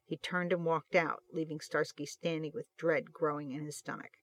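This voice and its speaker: Narrator for a fan fiction audiobook with a steady, expressive delivery and a mid-range voice. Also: mid-range voice, moderate pace.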